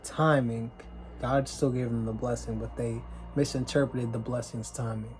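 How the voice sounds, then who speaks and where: Guy retelling a bible story, pretty flat delivery, keeps clearing his throat, faint hiss behind. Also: mid-range voice, moderate pace, rough recording. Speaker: preacher. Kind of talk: casual Bible teaching.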